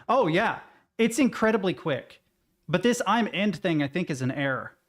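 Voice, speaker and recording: With a high voice and lively intonation, this man talks at a moderate pace on his livestream. He muses out loud, stumbling over words, interrupting himself, and cursing self-deprecatingly.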